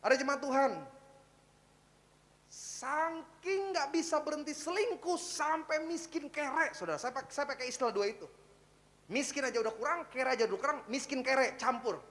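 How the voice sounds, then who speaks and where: A male pastor preaches in a loose, conversational style, full of slang and stray English words. He swings from loud cries down to hushed, low tones as he drives his point home. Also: normal speed, long reverb tail. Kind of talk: sermon. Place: church service, livestreamed.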